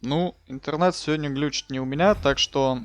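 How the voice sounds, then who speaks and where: Hosting a live wrestling game stream, a man gives informal, colloquial commentary packed with slang. His voice is fairly high-pitched at a moderate pace, and the recording is dry.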